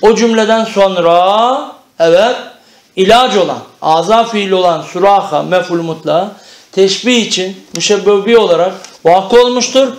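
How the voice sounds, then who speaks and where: A man's voice: high-pitched, normal speed. A man teaching an Arabic grammar lesson, explaining step by step and often checking that the class understands.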